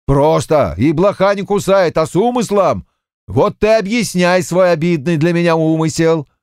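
A man's voice: on the high side, animated, normal speed, a little mellow, clear, resonant tone, dry recording, studio quality, pitched above the performer's own voice. A man voicing a crafty, weathered Cossack farmer who spins boastful, mock-aggrieved tales. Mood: folksy.

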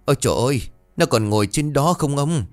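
A man voicing a frightened older rural wife in a ghost story, her telling hoarse and shaky. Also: mid-range voice, animated, brisk, no echo, soft background music, voice pushed up, lightly acted.

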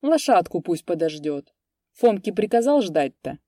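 A nervous young peasant lad from a storybook, sly and giggly, asking uneasy questions, as a woman reads him. The voice is mellow and close. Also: lowish voice, big pitch swings, measured pace, dry recording.

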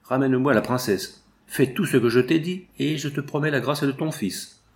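A man's voice: mid-range voice, normal speed, lightly acted. A man reading the part of a domineering prince in a stern, scornful tone. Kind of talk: audiobook character reading.

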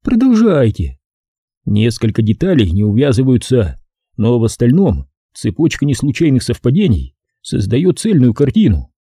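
Brief: male audiobook narrator, husky and dark, lively intonation, dry studio sound. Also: mid-range voice, normal speed, no echo. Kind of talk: first-person detective novel reading.

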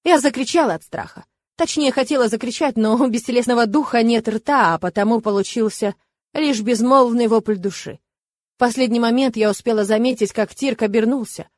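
A woman narrating a first-person fantasy audiobook with expressive, lively storytelling. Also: on the high side, a little fast, no echo.

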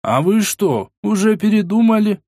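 A grumpy old priest, put on by a male reader, who is polite but fussy and grumbles his demands. He speaks slowly and deliberately, with a dry, close sound. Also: on the high side, animated, a little mellow, dry recording. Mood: grumbling.

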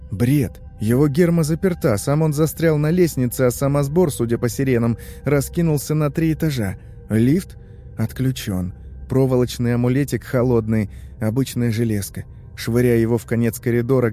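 A man narrating a first-person horror story in a tense, measured way. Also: mid-range voice, dark tone, soft background music.

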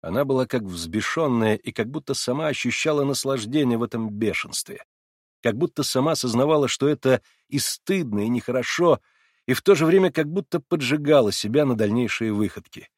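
A man's voice: mid-range voice, animated, a little fast, dry recording, studio quality. Man reading a classic novel aloud. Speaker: audiobook narrator. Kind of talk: scripted literary narration.

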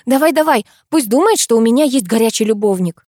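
Female narrator as an excitable young office woman, high and animated, dry close read. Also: no echo. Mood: pleading. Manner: pleading, impulsive, quick to panic.

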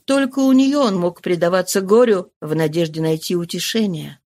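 A woman narrating an audiobook in a measured, even reading. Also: fairly low pitch.

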